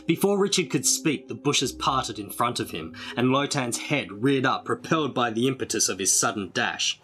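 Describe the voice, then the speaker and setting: A man reading a storybook aloud in a dramatic, measured way. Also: mid-range voice, lively intonation, a bit bright. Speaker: storybook reader.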